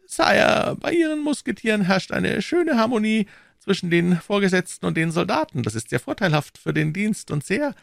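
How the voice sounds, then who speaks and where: A man's voice: high-pitched, very animated, normal speed, vocal fry, dry recording, clean studio sound, pitched above the performer's own voice, exaggerated voice. A man voicing a scheming older male cardinal who speaks in a sly, ingratiating courtly way.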